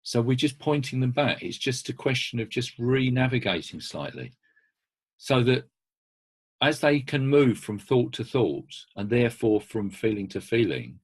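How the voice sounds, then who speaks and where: Husky man, mid pitch, casual anecdotal speaker on a video call who restarts his sentences often. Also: sing-song, moderate pace. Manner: conversational, anecdotal, with frequent restarts. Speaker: speaker working with children. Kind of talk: informal talk with stories.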